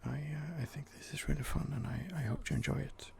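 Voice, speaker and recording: Here a man with a slightly high voice talks a little fast, whispering in a gravelly way as he hosts an ASMR let's play. His commentary is halting, with lots of fillers and false starts.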